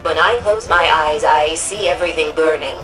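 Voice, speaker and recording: An older woman runs a futuristic city as its administrator in a sci-fi video game. Her voice sits fairly low, and she speaks with crisp authority and dry wit, like an official giving mission orders. Music plays behind her words. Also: moderate pace, fairly bright tone, poor audio. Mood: shaken, weary. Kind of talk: scripted mission briefing dialogue.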